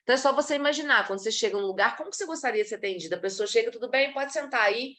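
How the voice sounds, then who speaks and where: A woman from Brazil giving a live talk to professionals on body language, lively and demonstrative, acting out examples as she goes. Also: a little high, racing.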